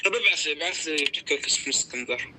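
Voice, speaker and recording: Bright, forceful young Levantine man, noisy audio. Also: a little high, lively intonation, racing. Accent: Levantine Arabic. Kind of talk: casual chat on a prank call.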